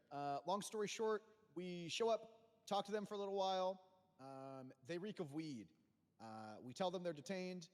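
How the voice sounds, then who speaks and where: A man with a notably high voice recounts events as a witness, stumbling through fillers and restarts. His voice trails off in a long, hanging reverb. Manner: rambling, hesitant retelling with many fillers. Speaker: witness at in-game hearing. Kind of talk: in-character roleplay testimony.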